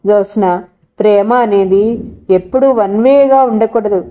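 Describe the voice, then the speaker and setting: A woman's voice: medium pitch, steady tone, a little slow, highs cut off, natural voice. A woman voicing a playful young female college student who teases her friend in a coaxing way. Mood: teasing. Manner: teasing, coaxing.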